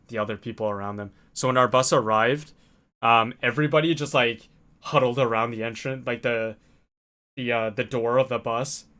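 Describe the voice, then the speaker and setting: A young man recounts a trip in a loose, chatty way, with plenty of fillers and little acted-out quotes. His voice sits at an ordinary middle pitch for a man. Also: pushed and bright. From North America. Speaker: vlogger. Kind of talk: casual storytelling to camera.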